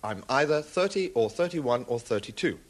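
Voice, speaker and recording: A man's voice: medium pitch, animated, normal speed, close to an everyday voice. An actor playing a man in an English lesson dialogue, answering in a plain, methodical way.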